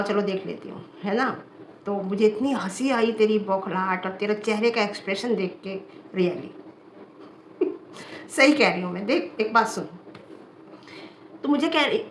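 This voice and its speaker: A woman's voice: medium pitch, expressive, normal speed, long pauses. An older woman vlogging in a casual, mocking and defiant tone, answering a critic with laughs. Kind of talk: casual talk to camera. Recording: echoey room, faint background noise.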